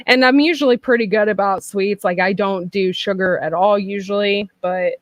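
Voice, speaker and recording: A woman in her thirties hosts a casual chat, talking frankly and loosely, laughing often and using plenty of fillers. Her medium-pitched voice moves at normal speed with no echo.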